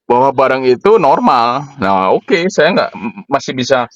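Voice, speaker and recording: A man's voice: mid-range voice, sing-song, a little slow, slight background noise. A man making a complaint by phone, insistent and repetitive, pressing with pointed questions. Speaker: caller, an online seller with a complaint. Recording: muffled lo-fi phone call.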